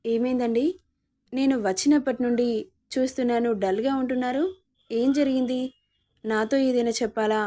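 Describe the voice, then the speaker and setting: A woman's voice: fairly high pitch, fairly even intonation, moderate pace, pauses often, dark tone, natural voice. A woman voicing an anxious, loving young pregnant wife in a storybook reading, worried and questioning.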